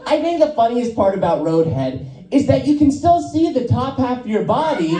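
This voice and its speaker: Crude, excitable young male comic. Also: very high-pitched, moderate pace. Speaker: stand-up comedian. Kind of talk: stand-up set. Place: record store show. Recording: roomy live room from far off, loud crowd.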